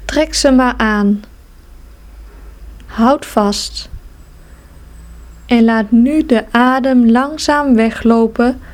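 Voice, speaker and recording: A woman calmly leading a guided progressive muscle relaxation exercise, speaking soft, soothing instructions with long pauses. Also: fairly high pitch.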